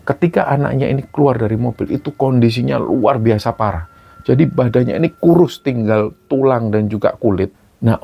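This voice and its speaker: A man's voice: medium pitch, vocal fry, breathy edge. A man narrating a supernatural story casually, in a conversational retelling. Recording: dull lo-fi recording.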